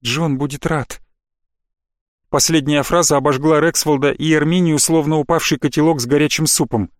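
Brief: male audiobook narrator, fantasy prose, fairly high voice, dry close mic. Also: fairly even intonation, a little fast, dry recording.

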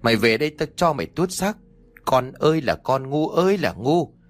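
A man's voice: mid-range voice, very animated, moderate pace, close to an everyday voice. A man voicing an old village mother who scolds her son in long, shrieking tirades. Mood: scolding.

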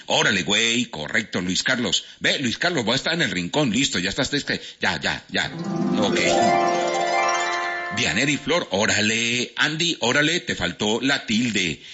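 A man with a Cali Colombian accent hosts a casual radio quiz, his voice strikingly bright and forceful with a husky edge. He talks playfully and lively, rattling off listener answers. The sound is dull and lo-fi, with faint music underneath. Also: fairly low pitch. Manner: playful, reading out listener answers, stumbles and laughs at himself. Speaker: radio host.

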